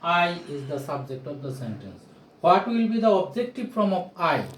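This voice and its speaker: Deliberate and projecting, a non-native English-speaking man in his forties runs a grammar lesson at a whiteboard, repeating key phrases and asking rhetorical questions. His voice sits a little high, with lively intonation. It's picked up in a small room with bare walls by a camera or phone mic a few steps away, leaving a roomy echo.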